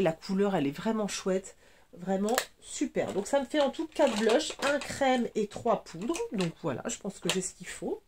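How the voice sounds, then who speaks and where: A woman's voice: medium pitch, a little mellow, slight background noise. A woman in her forties, sniffling a little, chatting enthusiastically about her makeup products. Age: 40s. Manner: chatty and enthusiastic, many fillers. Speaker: beauty vlogger. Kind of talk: casual makeup product chat.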